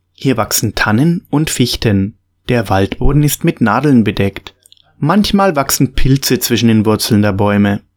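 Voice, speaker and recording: A man reading a storybook aloud in a calm, steady and clearly spoken way. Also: mid-range voice. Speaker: narrator. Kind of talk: scripted storybook narration.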